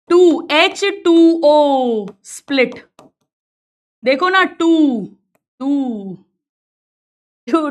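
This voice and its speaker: A high-voiced woman teaches biology by telling an animated story, turning the science into little quarrels between characters that she acts out. She calls her students beta and speaks Hindi mixed with English terms.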